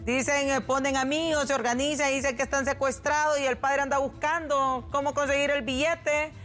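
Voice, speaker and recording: A woman with a Honduran accent hosting a live call-in radio show, moving briskly between calls and urging them along. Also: sits high, level tone, a bit bright, soft background music. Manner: brisk, urging callers along with repeated "vamos".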